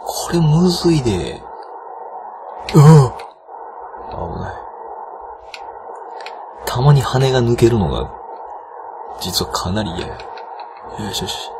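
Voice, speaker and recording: A man with a Kansai accent giving casual let's-play commentary, excitable and bursting into loud yelps and cries, on a noisy old home recording. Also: medium pitch, takes it slowly, long pauses. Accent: Kansai Japanese. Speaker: game commentator.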